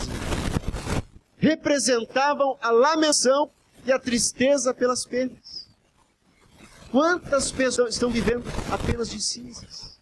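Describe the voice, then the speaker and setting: A man, a pastor, preaching a fervent evening sermon in church, exhorting the congregation and often calling out to the brothers and asking for amens. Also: extremely high pitch. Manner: constantly addresses "brothers" and asks for amens. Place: church service before a congregation.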